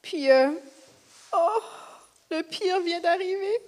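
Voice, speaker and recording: A woman with a Quebec French accent playing the grieving, gentle mother of Jesus, telling her story softly and hesitantly. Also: very high-pitched, slow pace, voice pushed up. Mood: sad, gentle. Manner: soft, hesitant storytelling with fillers.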